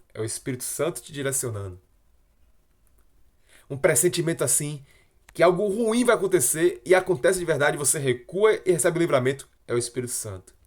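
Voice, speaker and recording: A man giving a devotional Bible lesson, swinging between hushed, slow stretches and loud, emphatic ones. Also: fairly high pitch. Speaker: Bible teacher. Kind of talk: devotional teaching.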